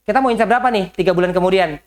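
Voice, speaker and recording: Lively man coaching a group indoors. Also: sits high, rapid-fire, smooth. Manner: lively, talks straight to the audience with rhetorical questions; mixes English business phrases into his talk. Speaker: business coach. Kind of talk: motivational coaching talk. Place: indoor session in a house.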